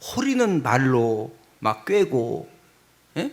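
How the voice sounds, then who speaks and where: A male pastor preaching a sermon in an animated, comic way, often calling out to the congregation. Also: mid-range voice, takes it slowly.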